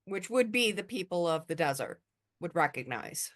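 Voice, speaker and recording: A woman playing a tabletop game, slowly describing what her character does. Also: on the low side, big pitch swings, a bit bright. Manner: slow and deliberate. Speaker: player.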